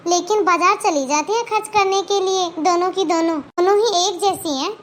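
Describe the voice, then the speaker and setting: A woman's voice: extremely high pitch, moderate pace, a little hiss or hum. A woman voicing a stingy middle-aged aunt in a cartoon, who speaks bluntly and scolds. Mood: scolding. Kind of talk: Hindi cartoon voice acting.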